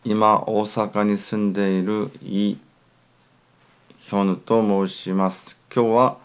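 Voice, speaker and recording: A man's voice: on the low side, flat delivery, slow, highs cut off. A man whose first language is Korean, patiently giving a pronunciation lesson and modelling syllables one by one. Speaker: language teacher.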